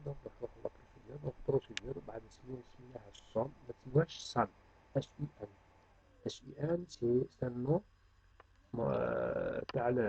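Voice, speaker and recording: Brief: male teacher, quick delivery, gravelly fry, lo-fi dull recording. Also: mid-range voice, warm tone, slight background noise. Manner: mixes French terms into Arabic speech. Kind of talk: programming lesson review.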